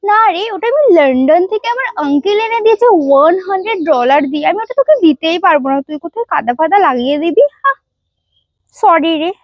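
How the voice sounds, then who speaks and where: A woman acting a spoiled, condescending young woman in a comedy skit, with whiny, drawn-out, prissy sorority-girl speech. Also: very high voice, very animated, dry recording, muffled recording. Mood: boastful refusal.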